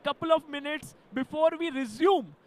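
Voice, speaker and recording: Male live chess commentator, Indian accent, high pitch, animated and agreeable delivery. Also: normal speed.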